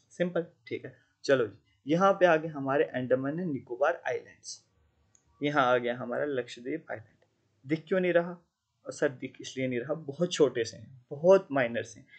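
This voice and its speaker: A man's voice: mid-range voice, highs cut off. A man teaching an exam-prep geography lecture, often checking whether students follow. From Jammu and Kashmir. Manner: conversational Hindi teaching with English terms, frequent checking questions.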